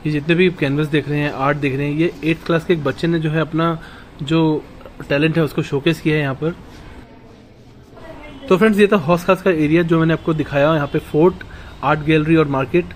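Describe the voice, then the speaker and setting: A man in his thirties from India, a travel vlogger, chats his way through a walking tour of an old fort and town streets, blending English words into his Hindi. His voice is a little high with fairly even intonation and a brisk pace. Recorded outdoors on a phone camera held at arm's length, the low-quality audio carries slight background noise.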